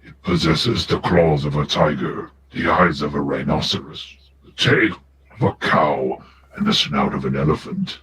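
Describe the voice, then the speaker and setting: A man voicing a gruff orc war leader who speaks bluntly in broken, simple sentences. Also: a bass voice, a little slow, pitched below the performer's own voice. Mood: grave. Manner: blunt, grave. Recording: steady background hiss.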